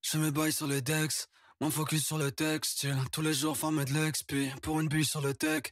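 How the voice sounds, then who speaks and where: A man rapping a steady verse, his voice run through a flanger that makes it sound like it is coming through a tube. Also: fairly high pitch, moderate pace, no echo, studio quality. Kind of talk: rap verse played as a processed demo.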